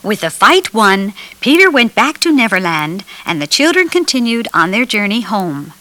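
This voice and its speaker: A woman's voice: medium pitch, very animated, moderate pace, bright, forceful tone. A woman reading a children's storybook aloud as narrator, telling it expressively.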